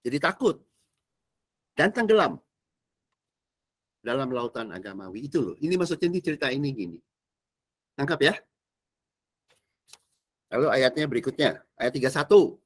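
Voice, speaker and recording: A male pastor teaches a discipleship class in a casual, animated sermon, often quizzing his listeners. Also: mid-range voice, moderate pace, long pauses. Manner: casual slangy preaching, quizzing the audience, animated swings between loud and soft.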